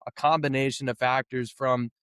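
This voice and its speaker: A thirty-year-old man from New England, a physical therapist telling his story as a guest, relaxed and full of fillers and restarts. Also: medium pitch, normal speed, clean tone, no echo, clean studio sound. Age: 30s. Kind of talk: casual interview talk.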